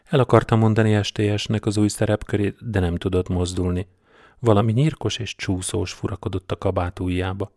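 A man narrating an audiobook in a measured, deadpan storytelling manner. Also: lowish voice, no room sound, clean studio sound. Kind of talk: scripted narration.

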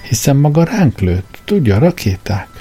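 A man's voice: mid-range voice, sing-song, mellow, faint music behind, pitched above the performer's own voice, natural voice. A man voicing a bewildered, flustered man who stammers and hesitates.

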